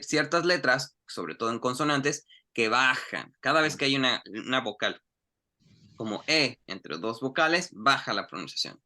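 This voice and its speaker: Bright-voiced man teaching English pronunciation. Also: mid-range voice. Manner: animated, coaxing, repeats English phrases slowly. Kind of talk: online class, explaining in Spanish.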